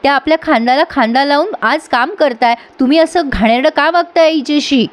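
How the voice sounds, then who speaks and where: A woman's voice: high-pitched, brisk, close to an everyday voice. A woman voicing an earnest young man who lectures others on decency. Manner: preachy, earnest.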